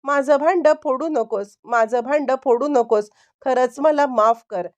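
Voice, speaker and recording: A woman's voice: high voice, measured pace, darkish tone. A woman voicing a young wife who is accused and answers with evasive pleading, in a storybook recap.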